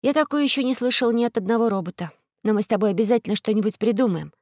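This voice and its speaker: Woman doing a brisk young girl. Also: no echo, studio quality, lightly acted. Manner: quick, lively, a little higher.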